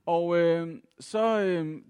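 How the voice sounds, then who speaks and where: A middle-aged Danish man with a slightly high, darkish, clean-toned voice tells an audience a personal story, reflective and self-mocking, with lots of filler sounds. A hall gives the recording a long reverb.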